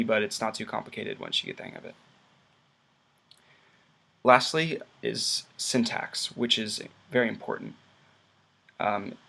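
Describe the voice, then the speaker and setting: A man narrating a slideshow lesson, explaining things plainly with occasional pauses and restarts. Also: lowish voice, gravelly, fairly bright tone. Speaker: student presenter.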